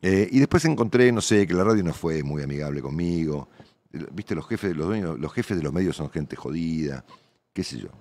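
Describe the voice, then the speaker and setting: A man's voice: rumbling low, animated, moderate pace, a little mellow, no echo. A middle-aged Argentine man, a veteran radio journalist, talking casually and at length in an interview, full of tag questions. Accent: Argentine Spanish. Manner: colloquial, rambling, frequent tag questions.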